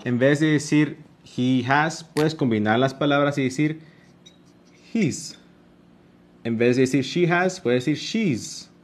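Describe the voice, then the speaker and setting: A man with a Mexican Spanish accent teaching an online class, his voice sitting at an ordinary middle pitch. He talks slowly and patiently and stretches out each example so that learners can follow. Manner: slow, patient explaining with drawn-out examples. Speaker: English teacher. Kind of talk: live online class explanation.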